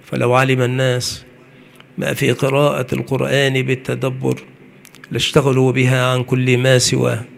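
Male preacher, gravelly and flat, measured lecture delivery. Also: medium pitch, slight background noise. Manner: measured, slows on key points. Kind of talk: religious lecture.

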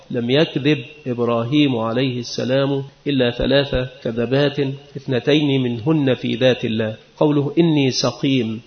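A man teaching a religious lesson, explaining a text in a measured, explanatory way. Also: medium pitch, vocal fry. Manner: measured, explanatory, recites quoted speech. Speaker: Islamic scholar teaching. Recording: echoey, dull lo-fi recording.

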